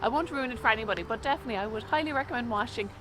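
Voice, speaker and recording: Woman, west of Ireland accent, brisk pace, enthusiastic casual vlog chat, music in the background. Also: on the high side, a bit bright. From Galway, west of Ireland. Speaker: vlog co-host. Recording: music playing behind the voice. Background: clear background music.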